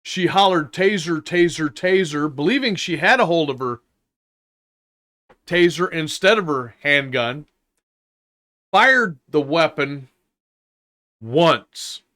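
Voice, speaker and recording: An older man giving an unscripted, indignant opinion rant, halting and deliberate, with long pauses and emphatic repetition. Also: a little high, sing-song, bright, forceful tone. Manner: indignant, emphatic, repeating phrases. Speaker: vlogger giving his opinion.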